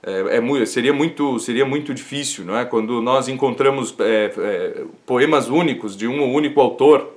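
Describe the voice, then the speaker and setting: A male teacher speaking in a livestream lecture, his voice sitting at an ordinary middle pitch. He explains things at an unhurried pace and keeps checking in with "isn't it?" tags and plenty of fillers. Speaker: teacher of classical literature.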